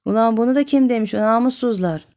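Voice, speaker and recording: A woman's voice: on the high side, quick pace, warm tone, pitched above the performer's own voice, lightly acted. Woman doing a sly lecherous village man. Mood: scheming.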